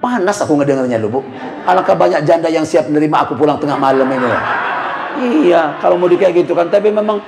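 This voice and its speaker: Middle-aged preacher, slightly high voice, gravelly, comic storyteller addressing the room. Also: male voice, fast, roomy sound, background noise. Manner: joking storyteller, addresses the congregation constantly. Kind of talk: comic sermon. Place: mosque.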